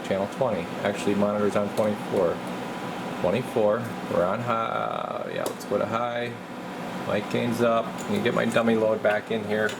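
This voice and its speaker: A man with a lowish voice and vocal fry works through a radio repair at his bench, casually demonstrating and informally narrating each step. The recording is a noisy workshop one, marked by a loud, steady hiss.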